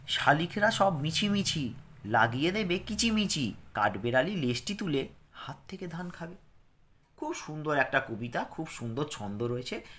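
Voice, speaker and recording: Reading from a children's textbook, a man recites its verse with a rhythmic lilt, then explains the words simply to young pupils. Like a patient classroom teacher, he speaks in a bright, forceful voice whose pitch swings widely.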